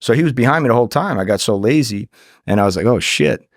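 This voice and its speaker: A middle-aged former undercover agent tells anecdotes casually as a podcast guest, acting out the dialogue and swearing freely. His medium-pitched voice is animated and quick, recorded dry with studio quality.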